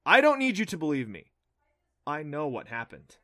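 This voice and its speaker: A man reading a story, voicing a flustered, defensive teenage boy who is quick to complain. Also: medium pitch, sharp tone, no echo, studio quality, close to an everyday voice.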